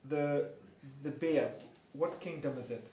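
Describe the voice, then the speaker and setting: A man's voice: on the high side, takes it slowly, warm tone. A man teaching a Bible class through an interpreter, reading scripture and often checking in with "right?", stumbling over repeated words when unsure. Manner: reads scripture aloud, keeps checking with "right?". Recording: roomy room with faint hum.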